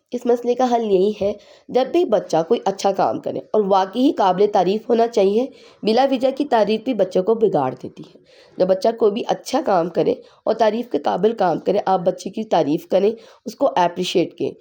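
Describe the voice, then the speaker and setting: A woman with a slightly hoarse voice from a sore throat, calmly explaining parenting advice point by point in a home vlog. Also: mid-range voice. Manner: calm, explanatory advice-giving, pausing on numbered points. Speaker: parenting vlogger.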